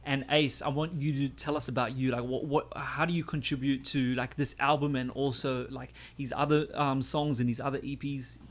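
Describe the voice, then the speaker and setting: A male radio host leads a laid-back studio interview. He talks at an ordinary pitch, fills the gaps with quick okays and mm-hmms, and keeps his questions loose and chatty. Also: fairly even intonation. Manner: asks questions with frequent okays. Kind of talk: casual interview.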